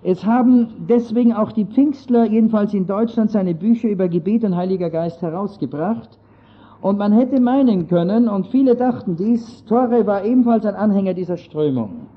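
Addressing an audience, this man delivers an earnest but wandering lecture on church history, his high voice animated and his pace moderate. His accent is Austrian German, partly Germanized, and the audio is dull and lo-fi.

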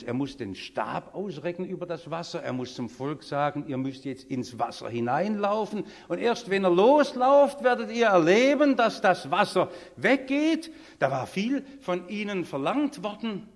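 A man preaching a sermon, emphatic, swinging between loud declarations and quiet asides, speaking straight to the congregation. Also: mid-range voice, big-room sound. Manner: addresses the congregation directly. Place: church service.

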